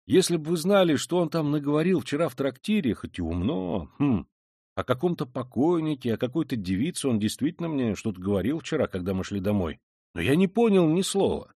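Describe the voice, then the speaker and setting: Steady, thoughtful young man, measured replies; male narrator's take, dry close read. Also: medium pitch, no room sound, pitched above the performer's own voice. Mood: earnest. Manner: calm, thoughtful.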